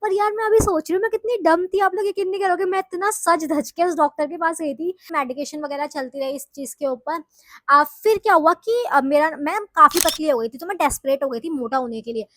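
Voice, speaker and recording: Speaking casually to camera, a young vlogger from the Uttarakhand hills of northern India opens up to viewers with a chatty, confessional story. Her voice sits high, brisk and a bit bright, with no room sound.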